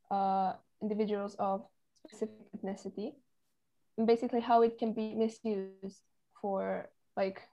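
A woman's voice: medium pitch, mellow. A teenage woman from Serbia, a committee chair answering interview questions with hesitant, filler-filled speech. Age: teens.

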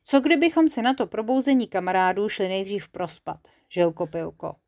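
A woman's voice: medium pitch, animated, a little mellow, close to an everyday voice. Kamínek Ramínek, a stubborn little forest creature, as a woman puts him on. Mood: tired. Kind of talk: storybook character voice.

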